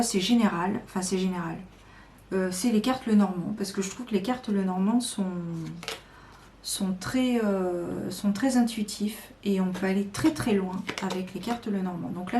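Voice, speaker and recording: A woman's voice: medium pitch, darkish tone. A woman chatting casually to her viewers about her card decks, hesitant with many fillers and enthusiastic. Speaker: tarot and oracle card YouTuber. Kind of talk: casual chat to camera. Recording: echoey room with faint noise.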